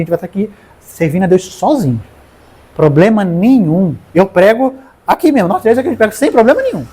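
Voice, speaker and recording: A man's voice: high-pitched, breathy edge. A man with a Brazilian Portuguese accent preaching a sermon, calling on listeners in the congregation by name. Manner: animated, talks straight to the congregation by name.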